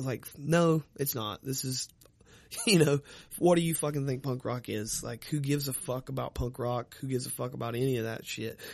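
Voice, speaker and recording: A man's voice: mid-range voice, creaky, a little mellow, no echo. A man in casual profane chat, rambling with lots of fillers and swearing.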